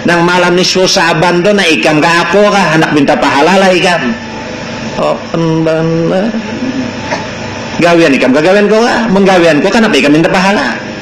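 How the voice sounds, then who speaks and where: A man's voice: a little high, lively intonation, normal speed, roomy sound, noisy background. Banjar-accented male teacher on old worn tape. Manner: rhetorical questions, mixing Arabic quotes with local dialect. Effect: old worn tape recording. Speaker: religious teacher. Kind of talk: Sufi study lesson to a gathering.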